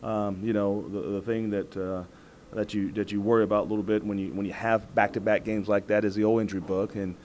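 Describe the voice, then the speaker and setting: In a postgame press conference, an American college football head coach in his forties responds haltingly and carefully, repeating words along the way. His lowish voice is level and a little mellow, with slight background noise, and he's at a table facing several press microphones in an indoor press room before a backdrop.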